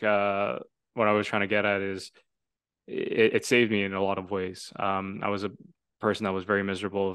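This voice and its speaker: A man's voice: low-pitched, a bit bright, smooth, dry recording, clean studio sound. A man in his twenties from Toronto, hosting a casual podcast conversation in an earnest, reflective, rambling way. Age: 20s. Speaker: podcast host.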